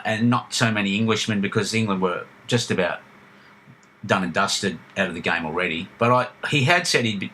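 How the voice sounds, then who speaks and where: Bright-voiced man reminiscing. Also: on the low side, slight background noise. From Australia. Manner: reminiscing, storytelling with frequent restarts. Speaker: podcast co-host. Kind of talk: casual chat.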